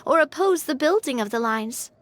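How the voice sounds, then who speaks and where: A woman's voice: high voice, expressive, normal speed, a bit bright. An actress playing Navia, a sincere, self-conscious young woman who leads an organization, in a game. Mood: reflective. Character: young woman, warm-hearted gang president. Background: game soundtrack music.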